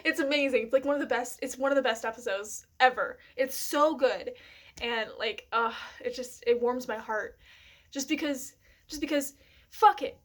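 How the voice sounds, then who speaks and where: A woman with a slightly raised voice vlogging in a loose, casual chat. She rambles along excitedly, full of fillers and little giggles. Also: fairly high pitch, moderate pace.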